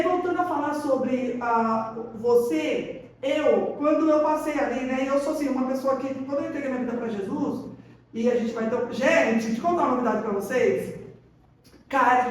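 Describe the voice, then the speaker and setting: Woman, high voice, podcast guest, lively storytelling, echoey room with the mic set back. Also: normal speed, far from the mic, slight background noise. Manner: animated storytelling, acts out quoted dialogue. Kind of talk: casual faith testimony.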